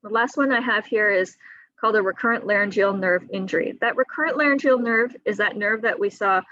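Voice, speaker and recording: A woman surgeon on a video call, explaining surgery risks to patients in a clear, teaching manner with a few fillers. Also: medium pitch, brisk, sharp tone, no echo, dull audio. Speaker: thyroid surgeon. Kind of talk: patient education talk. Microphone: computer mic on a video call.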